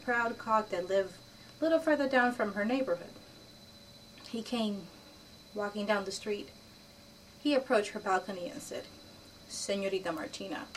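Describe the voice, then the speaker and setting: A woman telling a children's story aloud, lively and animated, playing each character. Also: fairly high pitch. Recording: distant mic with faint background noise.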